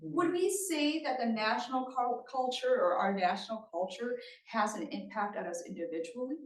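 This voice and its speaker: A woman's voice: a little high, moderate pace. Lady giving a talk at a meeting, keeps checking in with the crowd, sounds far off in a big echoey room. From Thailand. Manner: engaging, often checks in with the audience. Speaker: presenter at a community meeting. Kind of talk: conversational presentation. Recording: roomy sound from a distant mic.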